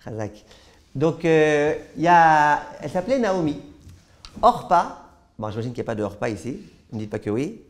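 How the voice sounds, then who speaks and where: A man who is a rabbi teaching a Torah lesson to a live audience, telling stories in a lively way and often stumbling over repeated words. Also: on the high side, normal speed. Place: class hall with a live audience.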